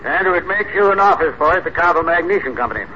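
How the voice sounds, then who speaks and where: A man's voice: fairly high pitch, expressive, fast talker, natural voice. An actor playing a dry, exasperated middle-aged American father, hesitant and repeating himself, in an old radio comedy. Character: exasperated middle-aged father, dryly deflating his son. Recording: muffled, very noisy old radio broadcast.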